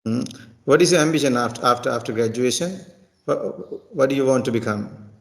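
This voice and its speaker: A man's voice: medium pitch, brisk. A man from Sri Lanka who works as a tutor, chatting casually in English practice and often repeating words and restarting. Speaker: tutor and teacher.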